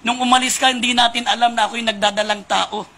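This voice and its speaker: A woman's voice: on the high side, steady tone, fast talker, bright, forceful tone. A male preacher voicing the words of a faithful wife welcoming her husband home, spoken tenderly during a sermon. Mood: overjoyed.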